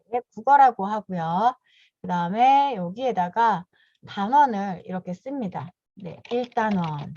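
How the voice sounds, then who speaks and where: A woman's voice: mid-range voice, warm tone. A woman in her fifties gives a step-by-step online training talk to teachers over a video call, politely punctuating her phrases with a short affirming "yes". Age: 50s. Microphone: video call mic. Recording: dull, dry video call audio.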